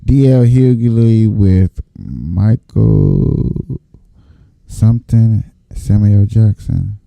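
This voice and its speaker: A man with an American accent and a very mellow, dark voice, recorded close and dry. He gives casual, folksy commentary at a slow pace, swearing and repeating himself for emphasis. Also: on the low side, gravelly, no room sound. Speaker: host reacting to clips from his news feed.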